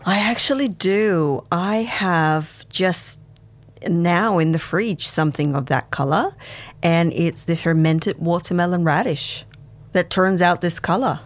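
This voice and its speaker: A woman from Kazakhstan whose first language is Russian, a guest on a radio show, talking about fermentation with enthusiasm and frequent laughs. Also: fairly low pitch. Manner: warm, enthusiastic, unhurried, laughs often. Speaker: studio guest, fermentation expert. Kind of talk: radio interview.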